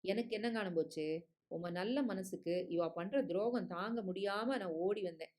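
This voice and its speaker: A woman voicing an angry, meddling middle-aged father who rants loudly and indignantly in a read-aloud story. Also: sits high, moderate pace, natural voice. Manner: loud, indignant, ranting.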